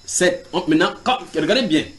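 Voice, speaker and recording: His voice sits high and moves a little fast as he preaches to a house church from the Bible. Animated, he reads scripture out loud and turns to the group with questions.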